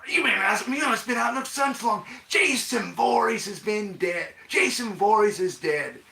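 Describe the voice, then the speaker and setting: Man voicing a blustering mayor in a rage, yelling, voice strained and high, gravelly edge. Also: moderate pace, roomy sound, recorded from a distance, heavily acted. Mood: ranting. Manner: shouting, disbelieving. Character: ranting enraged small-town male mayor.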